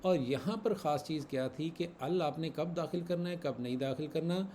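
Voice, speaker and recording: An Arabic grammar teacher leads an online class, patiently repeating examples and quizzing his students. His voice is slightly high with a dark tone and normal speed, and there is slight background noise.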